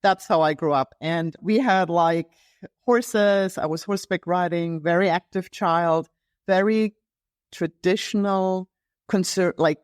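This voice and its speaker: In a relaxed interview conversation, a health coach from Germany recounts her story, frequently using fillers and starting sentences over. She speaks unhurriedly in a fairly low voice, and the studio-quality recording has no echo.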